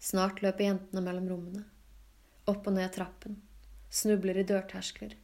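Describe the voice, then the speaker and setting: In an even, unhurried way, a woman voices literary fiction for an audiobook, keeping her reading calm and restrained.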